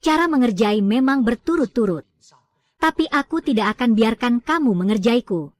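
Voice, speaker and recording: A woman with a high, light voice reads a film's dialogue aloud for a recap. She speaks every character's lines in the same steady voice and does not switch voices between them. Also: moderate pace, no echo. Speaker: film recap narrator.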